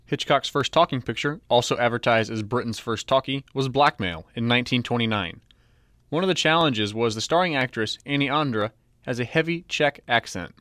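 Young male student reading project narration, mid pitch, plain and dry. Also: brisk, fairly bright tone, dry recording. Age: young adult. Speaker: student presenter. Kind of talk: read narration for a class project.

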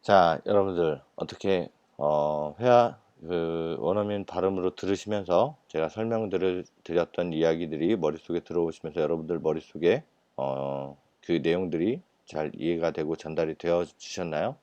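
A man's voice: sits low, normal speed, darkish tone, dry recording, highs cut off. A man teaching Japanese in a recorded lecture, explaining patiently with many fillers and repeated words. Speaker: Japanese language instructor.

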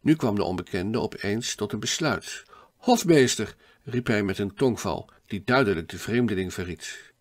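A man narrating a classic adventure novel in a steady, measured audiobook reading. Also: fairly low pitch.

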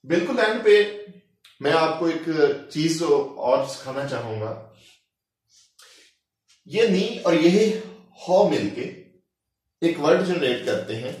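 A man teaching Chinese tones, talking slowly and deliberately and repeating each syllable for practice. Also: on the high side, animated, a little mellow. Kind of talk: recorded language lecture. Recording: very echoey room, mic far off.

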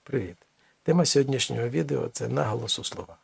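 A man teaching a language lesson, explaining slowly with many pauses and restarts. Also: mid-range voice, lively intonation, creaky, breathy edge, dry recording.

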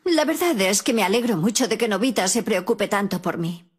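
A woman voicing a harried, quick-tempered but loving housewife mother in a cartoon dub, with a Castilian Spanish accent, given to scolding and calling out her child's name. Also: medium pitch, expressive, husky. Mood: calm, kindly. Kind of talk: animated cartoon dub acting.

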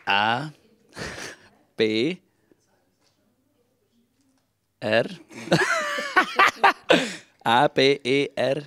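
A young man with an eastern Swiss German accent spells a word out. He goes very slowly, one letter after another, in a medium-pitched voice. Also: wildly swooping pitch, bright, forceful tone. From St. Gallen, eastern Switzerland. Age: young adult. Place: open-plan office. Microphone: handheld reporter microphone.

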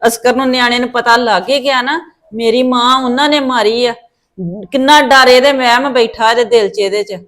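A woman's voice: on the high side, fairly even intonation, moderate pace, a bit bright, natural voice. A woman playing a stern old grandmother who fusses over her grandson and scolds her daughter in a family drama. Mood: worried. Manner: scolding and fussing. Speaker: maternal grandmother. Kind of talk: Punjabi family drama acting.

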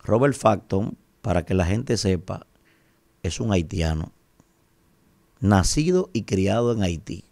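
Radio commentator, male, 40s, Dominican accent, gravelly and rhetorical, close dry studio mic. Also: deep voice, lively intonation, takes it slowly, pauses often, darkish tone, no echo. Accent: Dominican Spanish. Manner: emphatic, rhetorical, keeps asking "¿verdad?". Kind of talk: opinion commentary. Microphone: studio mic on a boom arm.

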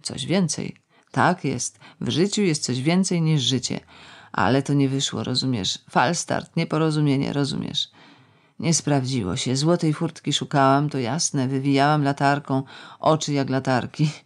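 An audiobook reader voicing a bitter, tipsy middle-aged woman who rambles in a sardonic, ironic way, drawing out words slowly. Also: rumbling low. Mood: mocking. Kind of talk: audiobook character reading.

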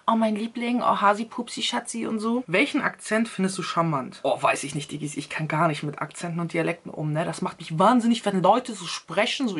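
A woman's voice: medium pitch, fairly bright tone. A woman answering a question series in a casual vlog chat, slangy and talking straight to her viewers. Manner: chatty and slangy, addresses viewers directly.

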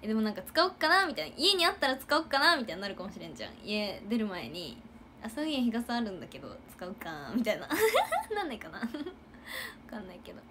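A bubbly young woman, talking to viewers in a relaxed livestream. Her fairly high voice swings up and down with energy, and she breaks into giggles and shouted quotes. A faint hiss sits under the recording. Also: quick pace. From Japan. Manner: chatty, giggly, acts out loud quotes. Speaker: idol livestreamer. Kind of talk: casual livestream chat with viewers.

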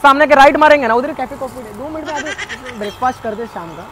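A man's voice: extremely high pitch, fast. A man hosting a street prank, pleading and pushy, repeating himself as he talks. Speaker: prankster host. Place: busy street outdoors. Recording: noisy street with traffic.

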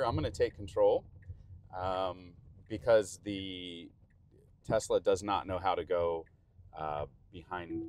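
Chatty low-voiced man in a car. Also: darkish tone. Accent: Texan. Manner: chatty, rambling, self-interrupting. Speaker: vlogger. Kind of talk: casual driving commentary. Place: inside a car driving in rain. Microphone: action camera mounted in car.

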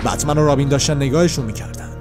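A man narrating a recap of a comic book in a plain, steady storytelling manner. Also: mid-range voice, over music.

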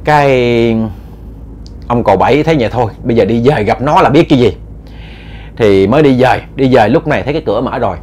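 A man's voice: mid-range voice, a little fast, a little mellow, a little hiss or hum. A man with a Southern Vietnamese accent narrating a ghost story in a conversational, earnest way.

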